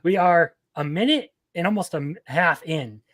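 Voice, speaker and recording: A man's voice: fairly high pitch, lively intonation, normal speed, a bit bright, no echo. Exasperated man on a dry mic. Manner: critical, exasperated commentary. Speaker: podcast co-host. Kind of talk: casual reaction chat.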